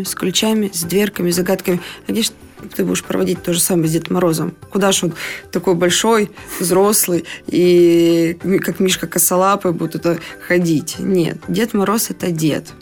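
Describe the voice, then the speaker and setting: Woman with creaky voice, chatting on radio. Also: lowish voice, a little mellow. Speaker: radio guest. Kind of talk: conversational explaining.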